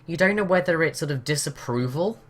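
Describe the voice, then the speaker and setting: A man's voice: fairly high pitch, animated, brisk. A man narrating as game master of a tabletop game, hesitant and full of "um" and "sort of" fillers.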